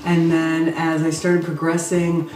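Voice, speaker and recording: A woman's voice: low voice, completely flat delivery, a little slow, a little mellow, distant mic, faint music behind. A middle-aged American woman talking casually to the camera as a vlogger. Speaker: vlogger and charity plunge participant. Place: living room at home. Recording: echoey room, off the mic.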